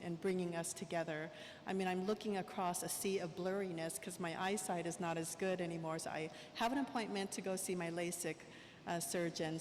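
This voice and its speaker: A woman with a southern Lao accent, her first language Lao, gives a conference keynote in a fairly low voice. She talks in a warm, chatty, self-deprecating way into a handheld mic. Her voice carries a long echo through a big convention hall, over a faint murmur of room noise. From Laos. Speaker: keynote speaker. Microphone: handheld microphone.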